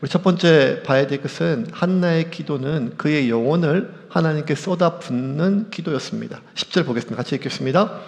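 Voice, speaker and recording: Man, pastor, sermon, animated, gravelly, echoey church hall. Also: on the high side, a little fast, hardly any pauses. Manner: animated, acts out quoted voices. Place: church sanctuary.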